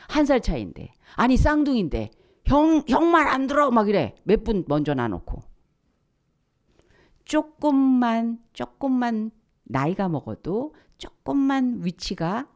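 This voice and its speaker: A woman pastor delivers a church sermon in a lively voice that rises and falls widely. She leans on rhetorical questions and repetition. Her medium-pitched voice sinks at times into a breathy whisper. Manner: animated preaching that drops to hushed, breathy whispers. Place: church service.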